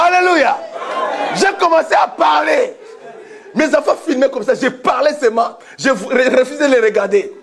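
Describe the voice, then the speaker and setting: A man preaching a sermon as pastor, animated, often shouting and laughing. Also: extremely high pitch, unhurried, crowd noise.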